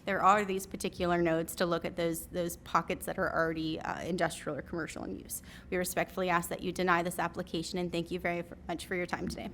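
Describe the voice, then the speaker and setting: A woman giving formal public comment at a zoning hearing, speaking into a podium microphone in a measured, earnest way. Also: lowish voice, flat delivery, a bit bright, slight background noise. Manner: measured and earnest, with some restarts. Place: county commission chamber at a podium.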